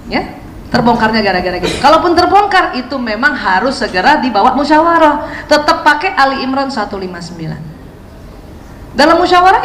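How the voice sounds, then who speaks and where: A woman's voice: high voice, fairly bright tone. Lady preaching to moms, asks them stuff, acts out prayers, echoey hall. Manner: asks the audience questions and acts out prayers and quotes. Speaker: Islamic parenting speaker. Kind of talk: religious lecture to women. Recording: echoey hall, faint background noise.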